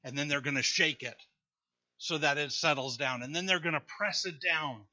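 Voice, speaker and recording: A man preaching in an easy, conversational way, reading verses and teasing the congregation. His voice is bright and a touch high. The recording is dull and lo-fi. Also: normal speed. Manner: conversational preaching, reads scripture aloud, jokes with the congregation. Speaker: pastor. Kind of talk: sermon.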